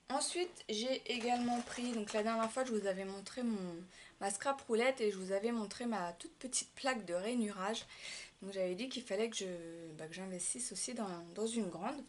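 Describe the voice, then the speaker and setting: A woman's voice: on the high side, normal speed, a little hiss or hum. A woman chatting casually in a haul vlog, showing her craft purchases, talking hesitantly with many fillers and restarts.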